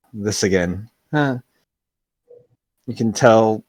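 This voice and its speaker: A game master voicing a sly, flirtatious cat merchant with a dry, unhurried, smug drawl, in a tabletop fantasy game. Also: medium pitch, husky, no echo. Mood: weary, dismissive.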